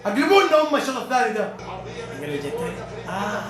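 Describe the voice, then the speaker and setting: A man reacting live to a football match, shouting and cheering at goals and praying aloud between plays. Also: high-pitched, big pitch swings, racing, faint music behind. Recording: echoey room.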